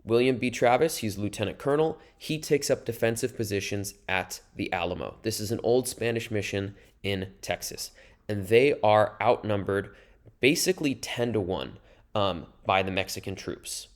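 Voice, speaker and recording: Casual low-voiced male history teacher. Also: normal speed. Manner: casual, conversational explaining with asides to students. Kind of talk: recorded classroom lecture over slides.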